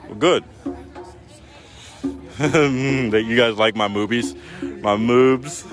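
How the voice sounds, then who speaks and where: A man's voice: mid-range voice, extremely slow, over music. A man live-streaming outdoors on a city street at night, chatting casually in a rambling, joking way with plenty of fillers. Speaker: livestreamer.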